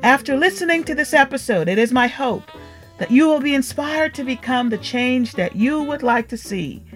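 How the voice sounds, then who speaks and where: A middle-aged woman from Guyana, hosting a podcast and telling her own story in a measured, earnest way. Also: fairly high pitch. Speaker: podcast host. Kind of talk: scripted personal monologue.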